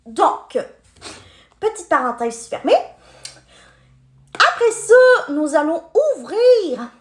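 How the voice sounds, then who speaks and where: A woman's voice: sits high, a bit bright, echoey room. A woman in her twenties chatting to her viewers while unboxing toys, friendly and talkative. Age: 20s. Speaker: unboxing vlogger.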